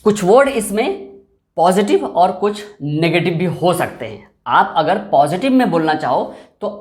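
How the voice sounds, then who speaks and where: A man's voice: high-pitched, very animated, unhurried. A man teaching an English lesson, patiently explaining and drilling example phrases over and over while working at a board. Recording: echoey room.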